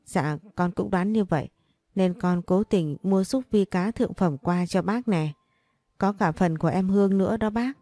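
A woman's voice: medium pitch, moderate pace, dark tone, no echo, natural voice. A woman voicing a scheming young woman who fawns with false politeness in a storybook reading. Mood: sugary.

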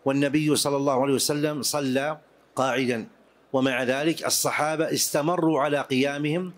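A man at a middle pitch gives a classroom lesson on religious law. He explains each rule step by step and repeats the main points so his students can follow. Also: fairly even intonation, brisk. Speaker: Islamic jurisprudence teacher. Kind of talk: classroom lecture on prayer rules.

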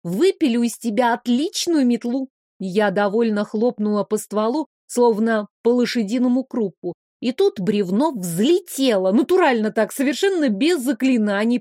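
Female audiobook narrator, somewhat high voice, wry lively delivery, dead-dry studio sound. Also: dry recording. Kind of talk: first-person storybook narration.

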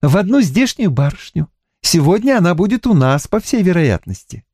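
A man reading the part of a hopeful young woman, the youngest sister, in an audiobook, lifting his voice higher. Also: big pitch swings, normal speed, darkish tone, slightly rough, no echo, heavily acted. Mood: eager.

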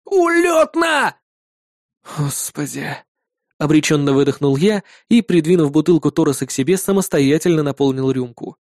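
A man reads an audiobook with wry, lively storytelling. His fairly high voice rises and falls a great deal yet stays mellow and dark. The recording is close and dry. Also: quick pace, few pauses, no echo. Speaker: narrator. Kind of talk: audiobook narration.

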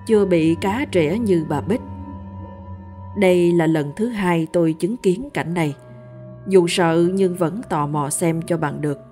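A woman narrates a first-person ghost story in a steady, measured way. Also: fairly low pitch.

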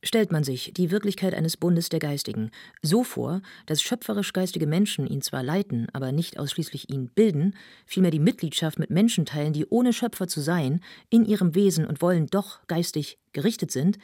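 A woman voicing a pale young man giving a lofty, convoluted speech, with a slightly husky voice. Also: low-pitched, expressive, moderate pace, warm tone, dry recording, studio quality, voice pushed up, heavily acted. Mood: lecturing. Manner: grandiloquent, convoluted, exalted. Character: pale young male orator, lofty and rapturous.

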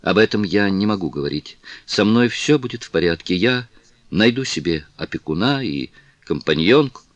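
A man reading the lines of a distressed young noblewoman, with soft, halting pleas, in an audiobook. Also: low voice, animated, no echo. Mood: pleading.

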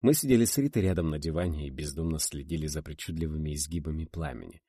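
A man reading a first-person novel aloud as an audiobook narrator, measured and expressive. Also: rumbling low, husky, dry recording, studio quality.

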